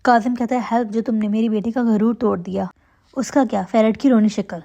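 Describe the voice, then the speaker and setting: Young woman narrator, fairly high and mellow, recaps a drama episode with steady storytelling. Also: gravelly. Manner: steady storytelling recap, quoting characters in her own voice.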